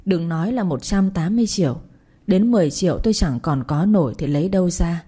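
A woman telling a first-person story in a steady, sombre narration. Her voice is low and mellow, with a soft, breathy quality. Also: fairly quick.

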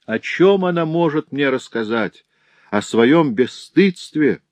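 A man's voice: fairly high pitch, lively intonation, takes it slowly, dry recording, pitched above the performer's own voice. A man voicing a grief-stricken, furious artisan father in an audiobook reading. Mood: bitter. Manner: anguished shouting, bitter outbursts. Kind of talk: audiobook character voice.

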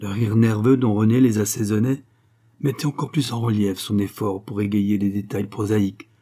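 Low, husky male audiobook narrator. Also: fairly even intonation, moderate pace, dark tone. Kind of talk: literary narration.

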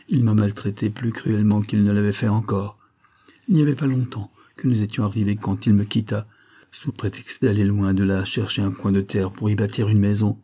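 A man's voice: on the low side, warm tone, lightly acted. A man reading an audiobook voices a worn-out poor woman who pleads for pity. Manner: imploring, sorrowful.

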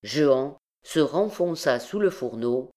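A woman narrating a classic novel as an audiobook, calm and measured. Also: a bass voice.

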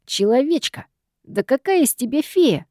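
Woman reading as a skinny touchy elf boy, squeaky n huffy, warm dark voice. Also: sing-song, normal speed, no echo, clean studio sound. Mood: peevish. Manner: squeaky, peevish. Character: scrawny timid young male elf, touchy and arrogant.

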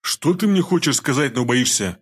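A man voicing a coarse, domineering ex-convict gang boss who talks in rough barking slang. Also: mid-range voice, expressive, a little fast. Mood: menacing.

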